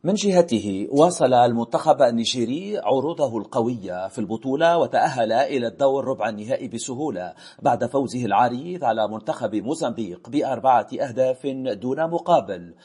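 A man reads the sports news on radio in a measured, formal way. His voice is dark and mellow, with a husky edge. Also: mid-range voice, lively intonation. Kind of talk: scripted news reading.

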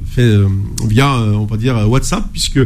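A man hosting a live radio sports show from a studio, talking in a relaxed, halting way with many fillers. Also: lowish voice, slight background noise.

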